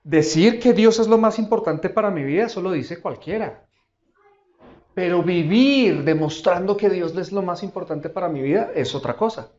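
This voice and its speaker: High-voiced pastor preaching. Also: male voice, animated, darkish tone, roomy sound, lo-fi sound. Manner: emphatic preaching with dramatic pauses and repeated questions. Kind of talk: sermon. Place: church auditorium.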